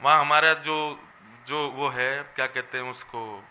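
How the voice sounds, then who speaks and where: A man's voice: mid-range voice, fairly even intonation, measured pace, pushed and bright, muffled recording, slight background noise. A man giving a devotional sermon as a religious storyteller, preaching in an emphatic, melodic way. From Vrindavan region.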